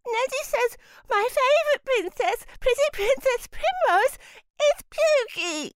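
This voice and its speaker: Woman doing a little boy voice, very high, whiny, shrill, dry recording. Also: expressive, a little slow, dry recording. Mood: whiny pleading.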